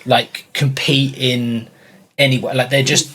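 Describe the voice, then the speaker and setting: A man's voice: medium pitch, little pitch movement, unhurried, a bit bright. A man from the UK co-hosting a casual reaction video, thoughtful and wry, often hedging his opinions. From United Kingdom. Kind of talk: casual chat.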